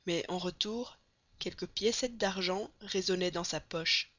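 A woman narrating a classic novel in a steady, measured storytelling manner. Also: on the low side, dry recording. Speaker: audiobook reader. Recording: slightly dull, dry recording.

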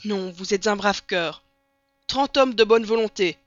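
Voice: mid-range voice, moderate pace, fairly bright tone, dry recording, lightly acted. A reader voicing a stern army captain. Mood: moved. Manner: firm, formal, proud. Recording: dull lo-fi recording.

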